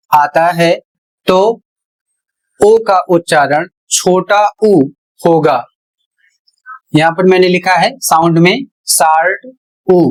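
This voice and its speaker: Slow, deliberate male teacher. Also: high-pitched, rough recording. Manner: deliberate, repeats each rule step by step. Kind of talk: slow classroom explanation at a board.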